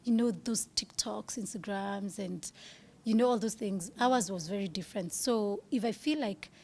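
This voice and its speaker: A woman's voice: mid-range voice, moderate pace, darkish tone. A woman in her thirties, speaking candidly as an interview guest, earnest and at times dropping to a whisper.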